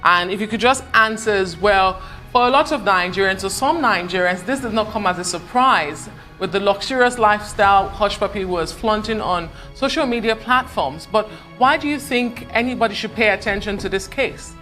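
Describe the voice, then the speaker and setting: Bright-voiced woman news interviewer. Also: medium pitch, normal speed, soft background music.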